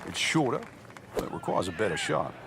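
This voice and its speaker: A man working as a golf commentator, giving conversational, explanatory analysis in a measured way. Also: deep voice, very animated. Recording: outdoor crowd and ambient noise behind. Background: loud crowd, outdoor ambience.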